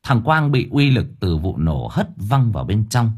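Expressive male audiobook narrator. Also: fairly low pitch, moderate pace, slightly rough. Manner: vivid, expressive storytelling. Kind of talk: dramatic story narration.

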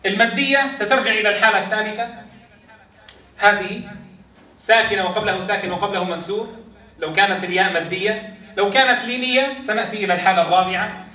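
In an echoey classroom, a Quran teacher heard from far off gives a lesson on tajweed rules and quizzes his students. His high-pitched voice is fast, bright and forceful, broken by long pauses.

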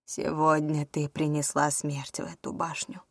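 A woman voicing an eerie old seer who speaks slow, hushed and prophetic. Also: low voice, monotone, slightly rough, no room sound, exaggerated voice. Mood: ominous.

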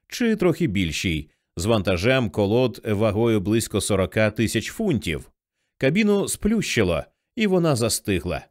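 A man narrating a novel as an audiobook in a vivid, expressive storytelling manner. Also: on the low side, dry recording, clean studio sound.

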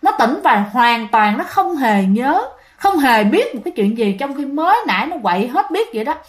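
A woman narrates ghost stories in a chatty, dramatic manner. Her voice sits high, and she keeps speaking straight to her listeners. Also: very animated, normal speed. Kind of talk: casual storytelling to listeners.

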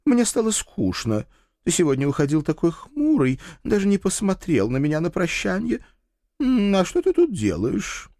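A man's voice: high voice, huge pitch swings, normal speed, dark tone, dry recording, studio quality, pitched above the performer's own voice, heavily acted. A man reading an audiobook, voicing an affectionate, pampered young demoness wife who purrs sweetly and turns petulant. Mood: purring.

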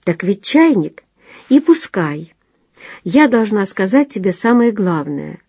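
A woman's voice: mid-range voice, lively intonation, slow, a little mellow, slightly rough, dry recording, clean studio sound, heavily acted. A woman reading the lines of an earnest, stubborn fourteen-year-old girl in love, with intense, insistent declarations. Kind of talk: audiobook dialogue reading.

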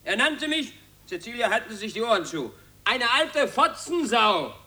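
A man's voice: extremely high pitch, sing-song, normal speed, pushed and bright, full character voice. An actor playing an obsequious male finance minister with a servile, drawling manner in a satirical radio play.

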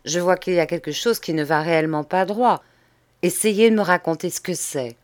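A serious middle-aged lawyer, voiced by a woman narrator, questions firmly and insistently. The voice is fairly low, measured and authoritative. It is read in a storybook manner. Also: lightly acted. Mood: coaxing. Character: grave middle-aged male lawyer, firm and concerned.

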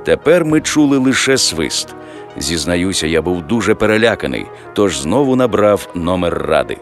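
A man reading a science fiction audiobook aloud, expressive and lifting his voice for the dialogue. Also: deep voice, normal speed, soft background music. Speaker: audiobook narrator. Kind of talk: scripted audiobook narration.

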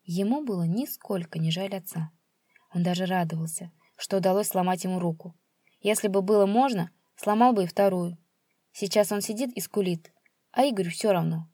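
A woman reading a grim short story aloud at an even, steady pace. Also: mid-range voice, normal speed, no echo, studio quality. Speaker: narrator.

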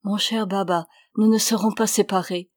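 A woman reading the lines of a tender, devout young runaway woman in a storybook, in a soft voice that lifts when she is moved. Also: mid-range voice, fairly even intonation, normal speed, no room sound, close to an everyday voice. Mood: earnest.

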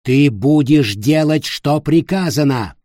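A man voicing a cruel, arrogant tall boy lord in an audiobook, shouting and hissing in fury. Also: mid-range voice, sing-song, slow, slightly rough, dry recording, studio quality, heavily acted. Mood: raging. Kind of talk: audiobook character voice.

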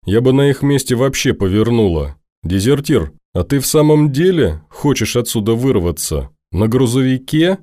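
A man's voice: mid-range voice, sing-song, moderate pace, hardly any pauses, mellow, no echo, clean studio sound, voice pushed up, natural voice. A man voicing a fiery, pleading young woman. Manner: insistent, scolding, pleading.

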